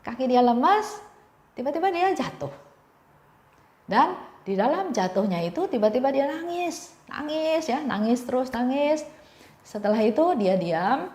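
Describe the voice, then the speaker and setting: Woman giving a gentle devotional talk. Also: fairly high pitch, echoey room. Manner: gentle storytelling with repeated phrases.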